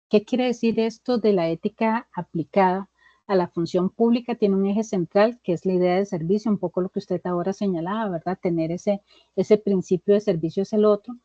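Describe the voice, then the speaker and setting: Woman tutor with a dark, mellow voice. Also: medium pitch, no room sound, dull audio. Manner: explains step by step, checks in with students. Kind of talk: online tutoring lecture.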